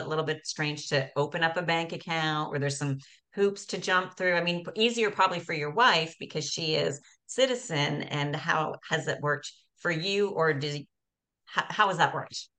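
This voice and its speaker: A middle-aged woman from Canada, hosting a podcast, chatty and animated with frequent restarts. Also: deep voice. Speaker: podcast host. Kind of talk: casual interview.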